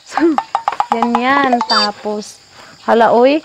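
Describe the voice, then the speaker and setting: A high-pitched young woman chats casually for her cooking vlog and keeps up a stream of playful, teasing jokes. She is recording outdoors on a farm, and loud crickets and insects buzz steadily under her voice. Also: steady tone, takes it slowly, very noisy. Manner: playful teasing, frequent joking asides. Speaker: vlogger.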